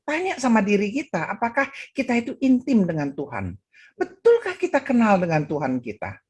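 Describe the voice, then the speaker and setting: A woman's voice: huge pitch swings, normal speed, darkish tone, slightly rough. A woman with an Indonesian accent preaching at an online women's gathering, telling a story and acting out its voices. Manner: acts out voices in her story, pitch swinging high and low. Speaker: women's ministry speaker. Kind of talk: sermon with a told story. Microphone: video call.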